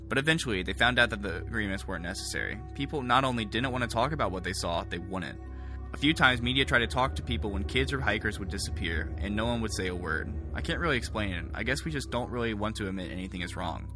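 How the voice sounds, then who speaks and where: A man reading a scripted first-person horror story as a narrator, with music behind him. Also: on the low side. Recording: background music under the voice.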